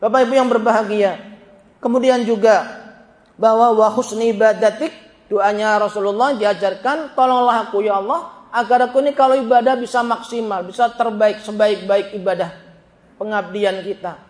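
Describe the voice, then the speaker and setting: A man preaching an animated sermon in a mosque, acting out prayers and joking with the congregation. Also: sits high, normal speed. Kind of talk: lively sermon with humor. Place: mosque hall. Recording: echoey hall with long reverb.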